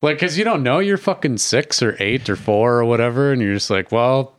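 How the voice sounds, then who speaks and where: A man's voice: medium pitch, big pitch swings, brisk, no room sound. A man in his forties from Milwaukee with an American accent, running a tabletop game as host and game master in a rambling, sweary, casual way. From Milwaukee, USA.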